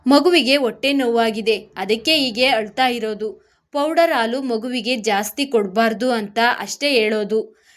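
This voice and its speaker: A woman's voice: on the high side, moderate pace, lightly acted. A woman voicing a doctor who gives advice in a matter-of-fact, scolding way in a narrated story. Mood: lecturing. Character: stern lecturing doctor.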